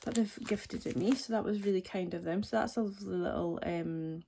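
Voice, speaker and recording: A woman in her forties, a budgeting vlogger, chats in a rambling way while showing off her budgeting items and cracking playful jokes at her own expense. Her medium-pitched voice is dark in tone, a little fast, with vocal fry. Packaging crinkles close to the mic.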